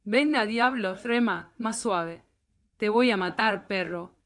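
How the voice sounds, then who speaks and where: A woman's voice: medium pitch, takes it slowly, a bit bright. A woman reading the lines of a hard, menacing male thief who barks curt, threatening orders.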